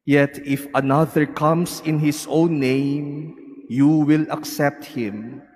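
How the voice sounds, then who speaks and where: Slow-reading priest in a cavernous cathedral echo. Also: male voice, a little high, steady tone, darkish tone. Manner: measured, formal delivery with pauses. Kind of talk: solemn liturgical scripture reading. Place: large cathedral. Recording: cathedral echo, long reverb.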